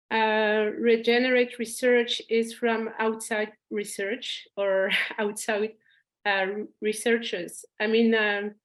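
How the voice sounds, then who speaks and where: Hesitant woman on a video call. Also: fairly high pitch. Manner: hesitant, many pauses. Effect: heard over a video call. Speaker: citizen participant. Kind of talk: commenting in an online discussion.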